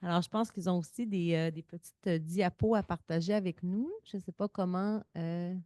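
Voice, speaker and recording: A woman's voice: on the low side, fairly even intonation, moderate pace, mellow, dry recording, clean studio sound. A woman chairing a conference session, introducing speakers with frequent hesitations. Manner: hesitant, fillers between names.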